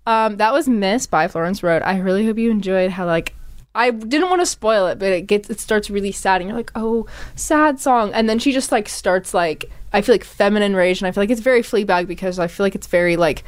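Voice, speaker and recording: A woman's voice: mid-range voice, fairly quick, no room sound. Young woman podcast cohost, giggly rambly chat, lots of likes, dry mic. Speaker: podcast co-host. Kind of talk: casual chat.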